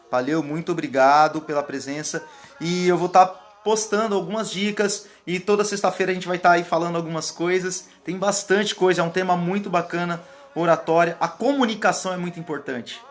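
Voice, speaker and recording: A man's voice: a little high, a bit bright. A man coaching public speaking on a casual live stream, rambling and thanking viewers by name as they join. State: sweating. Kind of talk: live stream chat, reading viewer comments. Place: indoors, warm room.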